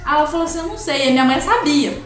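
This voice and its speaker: A young woman from Brazil telling a personal story in casual chat, rambling and animated, quoting dialogue as she goes. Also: high-pitched, racing, music in the background. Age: young adult. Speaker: guest. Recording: very echoey room.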